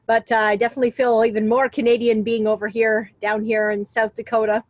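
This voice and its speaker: A woman's voice: fairly high pitch, little pitch movement, brisk, no echo, lo-fi sound. Woman calling into an online chat, chatty, lots of uhs, dry sound. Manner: chatty, with many "uh" fillers. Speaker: caller joining discussion. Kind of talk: casual chat on a video call.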